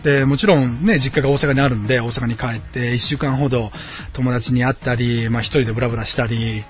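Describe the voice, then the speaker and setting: A man's voice: mid-range voice, fairly even intonation, quick pace, muffled recording. Late-30s man from Osaka for a homemade podcast: friendly, rambling, filler-heavy, over faint background music. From Osaka, Japan. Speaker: podcast host. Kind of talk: casual solo podcast chat. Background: quiet background music.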